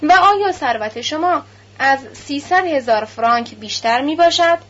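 A woman voicing a methodical male notary who questions in a measured, formal way. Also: high-pitched, lively intonation, fairly bright tone. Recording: slightly muffled lo-fi recording.

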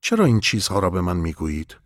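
A man's voice: low-pitched, big pitch swings, no echo, studio quality. A man voicing a curious, earnest young male shepherd who asks questions in an audiobook story.

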